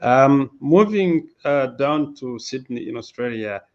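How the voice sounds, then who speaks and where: Panel guest, male, halting and reflective, dull call audio. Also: medium pitch, expressive. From Uganda. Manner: hesitant, thoughtful, many fillers. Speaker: panel guest, mental health advocate. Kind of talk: online panel discussion. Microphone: video call. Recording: dull video-call audio, faint noise.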